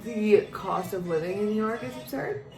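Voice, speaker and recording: Doing a drinking makeup challenge, this vlogger in her twenties is tipsy and giggling, chatting casually and gushingly with a friend while she rambles and curses freely. Her voice is medium-pitched at normal speed; the room echoes and music plays in the background.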